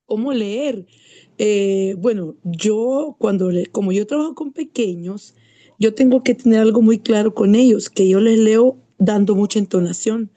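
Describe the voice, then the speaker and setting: A woman's voice: a little high, warm tone, no room sound. A woman with a Salvadoran accent, a teacher of young children, answering on a video call with hesitant, filler-laden speech. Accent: Salvadoran Spanish.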